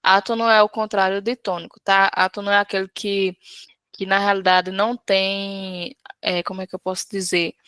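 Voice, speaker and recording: In a clear, resonant, slightly bright voice of medium pitch, a Portuguese teacher speaks at a moderate pace and level tone during a live class. She patiently breaks down an exam question step by step, frequently asking "certo?", with no echo on the recording.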